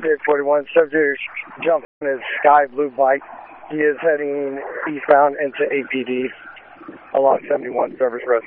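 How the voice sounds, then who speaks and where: A man's voice: medium pitch, level tone, normal speed. A man calling in over police radio, giving terse updates in call codes. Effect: police radio transmission. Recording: narrow crackly police radio.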